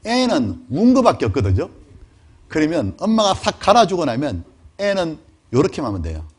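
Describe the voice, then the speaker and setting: Middle aged guy pastor preaching, pitch jumps all over, chatty, keeps asking the crowd stuff. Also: a little fast, husky. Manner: lively, conversational, asks the audience questions. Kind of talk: sermon lecture to a congregation.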